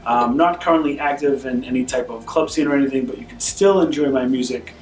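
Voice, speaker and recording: A man answering questions as a guest in a casual couple Q&A at home, relaxed and easygoing in his phrasing. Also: mid-range voice, a little fast. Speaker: guest husband. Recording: roomy, distant camera sound.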